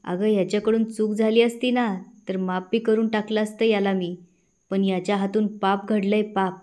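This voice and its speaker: A stern elderly village father scolds in blunt rural speech, read out by a woman narrator. The voice sits at a middle pitch and keeps an even storytelling tone. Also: moderate pace, natural voice. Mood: scolding.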